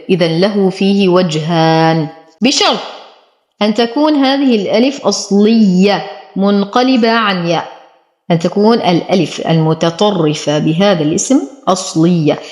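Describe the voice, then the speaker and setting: A woman teaching Quran recitation rules, explaining each letter step by step and then saying the word slowly. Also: medium pitch, darkish tone. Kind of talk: tajweed lesson. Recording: echoey room.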